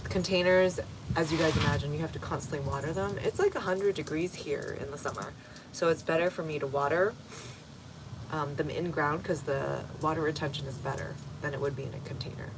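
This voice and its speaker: A woman's voice: low-pitched, fairly quick, noisy background. A woman from Texas hosting a casual garden livestream outdoors, chatting and answering viewer comments one by one with fillers. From Texas, United States.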